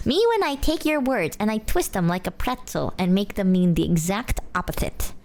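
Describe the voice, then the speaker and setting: A woman streamer chatting casually to her chat, excitable and exclamatory, swearing freely. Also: mid-range voice, moderate pace. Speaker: streamer reacting to a video.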